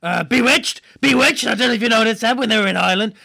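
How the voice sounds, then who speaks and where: A man doing a goofy, laddish superhero for a comic podcast, with a gravelly, rasping voice pitched high and bright. The talk rambles along and keeps bursting into excited shouts. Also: normal speed, exaggerated voice. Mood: rambling. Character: goofy laddish male superhero chatting about TV.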